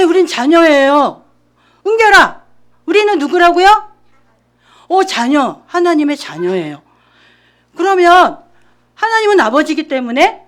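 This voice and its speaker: A woman junior pastor giving an animated children's sermon in church, asking the kids questions. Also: very high-pitched. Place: church during a service.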